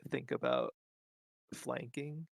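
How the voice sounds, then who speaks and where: Casting: man, gravelly, hesitant answers, dry close sound. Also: medium pitch, huge pitch swings, slow, no echo. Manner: hesitant, starts with "um". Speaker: player being coached. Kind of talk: casual coaching call. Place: home at night.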